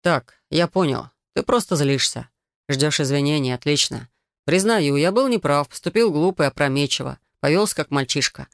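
Smug young fiancé, read by a woman, slow insistent delivery, dry close sound, audiobook dialogue. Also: low-pitched, expressive, no echo. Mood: defensive. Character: smug young man, self-justifying fiancé.

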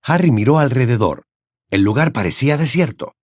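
A man reading a fantasy novel aloud as an expressive audiobook narrator. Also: medium pitch, fairly quick, no echo, clean studio sound. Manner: expressive storytelling with wide intonation. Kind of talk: scripted narration.

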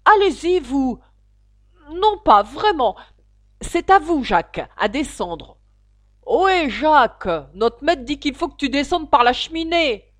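A woman doing a clamour of excitable little animal servants. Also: normal speed, no echo, studio quality. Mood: arguing. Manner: excited high calling out. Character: noisy crowd of small animal servants.

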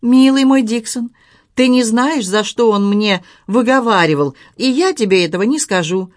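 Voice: mid-range voice, expressive, normal speed, dry recording, clean studio sound, natural voice. A reader voicing Eleanor, a tearful, impulsive young girl, in a plaintive, raised voice in a storybook reading. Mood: upset.

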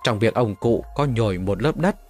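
A man as a calm young occult hero. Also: on the low side, normal speed, soft background music, natural voice.

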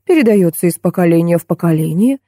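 A woman reading an audiobook voices a calm, composed female interior designer. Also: lowish voice, no echo, clean studio sound. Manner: calm, measured.

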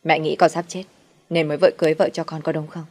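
A woman voicing a sickly, volatile young husband who shouts in agitation about dying. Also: deep voice, flat delivery, fast talker. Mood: raging.

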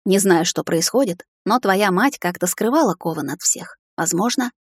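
Brief: woman playing a tender young husband in a storybook, hushed whisper, dry close recording. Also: mid-range voice, expressive, moderate pace, slightly rough, no echo. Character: loving young husband, gentle and protective.

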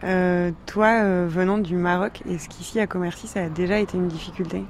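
Male interviewer, high voice, casual direct questions. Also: fairly even intonation, a little fast, slight background noise.

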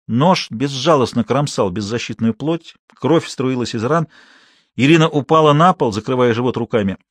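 A man reads an audiobook in a steady, measured way at a medium pitch. The recording is close and dry. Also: husky, no room sound. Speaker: audiobook narrator. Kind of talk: audiobook narration.

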